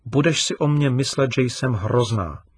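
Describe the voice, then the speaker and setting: A man's voice: medium pitch, dry recording, far from the mic, lightly acted. A man voicing an upset young girl. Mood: angry. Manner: raised, emphatic and complaining.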